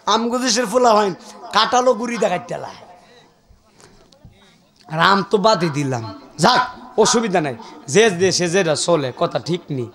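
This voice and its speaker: A man with a Sylheti Bengali accent preaching a sermon, swinging between shouts, chanting and joking asides. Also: high voice, animated, measured pace, long pauses. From Bangladesh.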